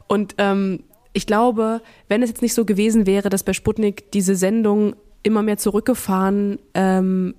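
A woman's voice: medium pitch, level tone, moderate pace, dark tone. A woman in her thirties, a radio and TV presenter, chatting frankly and casually as a podcast guest, with many fillers and slang words. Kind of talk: casual interview chat.

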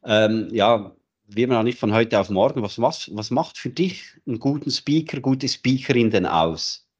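A man's voice: medium pitch, normal speed, husky, dull audio. A man hosting an interview as a coach, asking questions and murmuring agreement often. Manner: attentive, frequent affirming murmurs.

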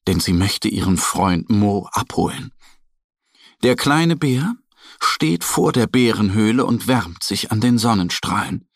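Brief: man narrating a children's story, gravelly voice, dry close recording. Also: on the low side, no room sound. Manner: slow, gentle, expressive.

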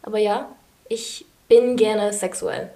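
A woman's voice: mid-range voice, level tone, slow pace, warm tone. A woman in her twenties from England, a podcast guest talking frankly and openly with fillers. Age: 20s. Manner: open, frank, many fillers. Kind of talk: casual interview talk.

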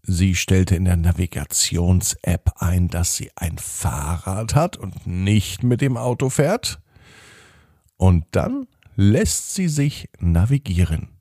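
Mellow, husky man telling children's bedtime stories. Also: low-pitched, lively intonation, slow pace, no room sound, clean studio sound. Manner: addresses young listeners directly, simple explanatory phrasing. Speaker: podcast host and bedtime storyteller. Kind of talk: children's bedtime story narration.

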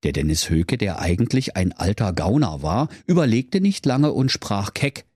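A man's voice: on the low side, big pitch swings, normal speed, darkish tone, slightly rough, no room sound, studio quality. A man narrating a comic fairy tale in a playful, theatrical way. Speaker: storyteller.

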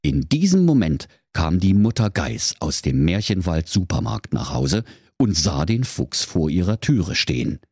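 Man, comic fairy-tale narration, playful, lively delivery, dry close sound. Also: sits low, a little slow, slightly rough, no echo. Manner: playful, expressive. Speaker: storyteller.

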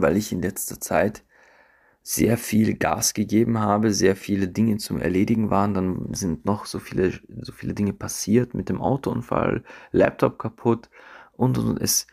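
Man, podcast host, low gravelly voice, husky, reflective monologue with restarts. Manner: reflective, halting, repeats phrases. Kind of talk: personal monologue to listeners. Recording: handheld phone, voice drifts off-mic at times.

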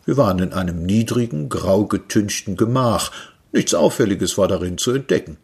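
A man reading a literary story aloud in a wry, lively storytelling manner. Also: lowish voice, normal speed, creaky, slightly rough. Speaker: reader.

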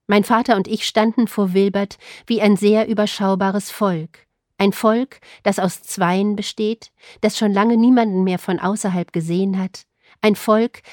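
A young adult woman reading her own short story aloud in a calm, measured, wry manner. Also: mid-range voice, no echo, clean studio sound.

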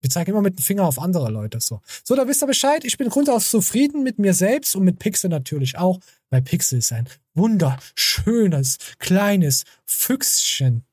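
Male podcast host, crude and sarcastic, husky voice, dry close sound. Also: high-pitched, very animated, moderate pace, few pauses, darkish tone, no echo. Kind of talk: casual podcast chat.

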